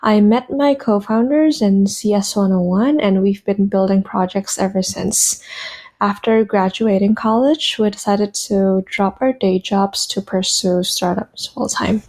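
Woman in her twenties from Indonesia, mellow tone, plain reflective delivery. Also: medium pitch, measured pace. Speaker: guest, startup co-founder. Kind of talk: recorded talk.

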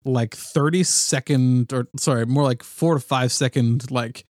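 A man's voice: medium pitch, a little slow, a little mellow, no echo. Man in casual music chat, dry close sound. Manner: hesitant, many fillers, laughs along. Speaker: podcast co-host.

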